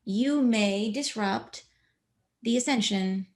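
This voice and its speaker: A woman channeling a spiritual message in a slow, measured, solemn way, speaking as a collective. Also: medium pitch, a little mellow.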